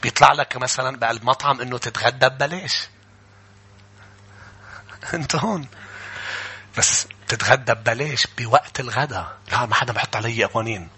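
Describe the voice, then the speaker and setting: A pastor with a Levantine Arabic accent preaches to a live church congregation, shifting from chatty asides to fervent shouting and calling on the people to answer him. His husky, medium-pitched voice moves briskly, with frequent pauses.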